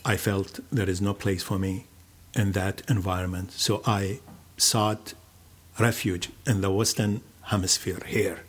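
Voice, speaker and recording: An older man from Iraq, telling his life story in a slow, measured, reflective way with many pauses. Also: deep voice, little pitch movement, breathy edge. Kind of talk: personal storytelling.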